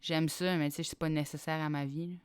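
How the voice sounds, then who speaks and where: A woman's voice: deep voice, fairly even intonation, fast, smooth. A woman comedian with a Quebec French accent, chatting in a self-mocking comedic improv style.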